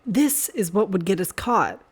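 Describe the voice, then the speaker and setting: A woman voicing a male priest with a low, rumbling, growling voice, soft and restrained. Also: lively intonation, a little slow, husky. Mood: low, tender.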